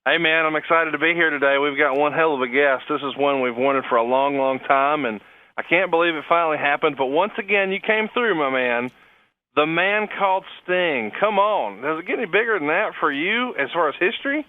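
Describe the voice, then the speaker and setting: A man's voice: a little high, brisk, dry recording. A man in his thirties co-hosting a podcast, talking enthusiastically and with a salesy push. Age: 30s. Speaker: podcast co-host. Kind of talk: upbeat podcast talk and ad reads. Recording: slightly dull, dry radio-like sound.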